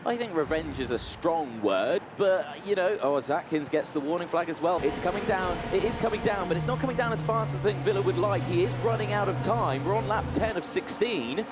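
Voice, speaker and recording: Brief: male motorsport commentator, slightly high voice, conversational running race calls with loud music behind. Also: animated, a little fast, few pauses. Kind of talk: live kart race commentary.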